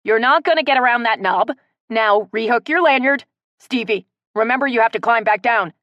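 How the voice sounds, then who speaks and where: A woman's voice: sits high, moderate pace, no room sound, dull audio, voice pushed up. A woman voicing a protective, hot-tempered tree-climbing woman who barks orders like a drill sergeant. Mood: commanding. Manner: commanding, strained calm.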